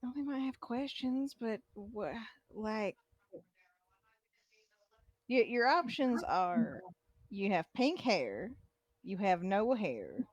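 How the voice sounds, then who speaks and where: A woman playing a tabletop role-playing game, chatting casually and improvising in a halting, amused way. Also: mid-range voice, lively intonation, darkish tone, no echo.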